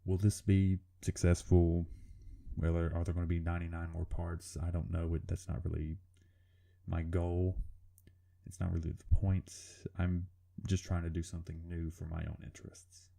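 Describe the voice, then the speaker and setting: A man with a rumbly, serial-killer-like voice, giving informal, hesitant, self-deprecating commentary over a drawing video, with casual swearing. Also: flat delivery, moderate pace, creaky, warm tone. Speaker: artist narrating a drawing video.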